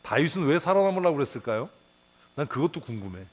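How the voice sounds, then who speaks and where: Speaking quickly in a sing-song way, a male pastor gives a Bible devotional in church. His style is blunt and colloquial, full of rhetorical questions, muttered curses, and chuckles, with occasional upward leaps in pitch.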